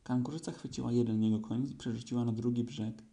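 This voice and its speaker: A man narrating a children's storybook in a calm, even manner. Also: mid-range voice, quick pace, creaky. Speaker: audiobook narrator. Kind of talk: storybook reading.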